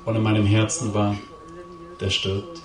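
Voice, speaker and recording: A man's voice: on the low side, lively intonation, unhurried. A middle-aged man speaks to a crowd in a roomy hall, and his voice carries from some distance from the mic. He tells a confessional story with intensity and hammers home key words by repeating them. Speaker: lay preacher giving his testimony. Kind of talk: emotional testimony speech to a live audience.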